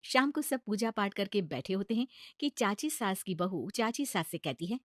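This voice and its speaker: A woman narrating a cartoon moral story in a brisk, scripted way. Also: medium pitch, expressive, dry recording, clean studio sound.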